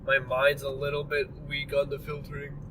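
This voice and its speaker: A man's voice: on the high side, monotone, normal speed. A tired young man rambling through a casual driving vlog, full of fillers and apologies. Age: young adult. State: tired and yawning. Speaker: vlogger. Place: inside a moving car. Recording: distant mic with clear road noise.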